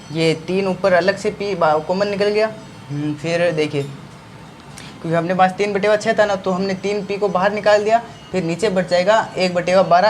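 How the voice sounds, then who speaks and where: A man's voice: high-pitched, slight background noise. A male maths teacher explains a school algebra problem step by step, asking questions and answering them himself. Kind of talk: blackboard maths lesson.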